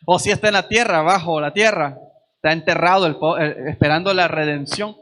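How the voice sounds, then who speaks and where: A man's voice: on the high side, a little fast, a bit bright. A man preaching a sermon at a church service, earnest and repeating phrases for emphasis.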